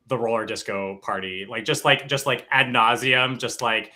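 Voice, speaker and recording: A man taking part in a tabletop game, checking rules and describing his character's moves a little hesitantly. His voice is very bright and forward. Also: medium pitch, normal speed. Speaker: player. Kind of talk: tabletop role-play.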